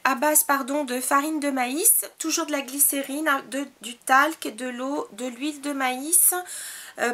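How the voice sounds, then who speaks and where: Woman beauty vlogger, high voice, casual and halting haul review. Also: pushed and bright. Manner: hesitant, many fillers and restarts.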